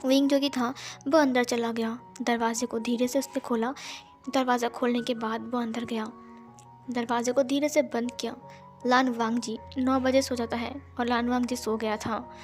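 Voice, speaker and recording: A woman narrating a fan-fiction story in a lively, conversational way. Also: on the high side, normal speed, faint music behind.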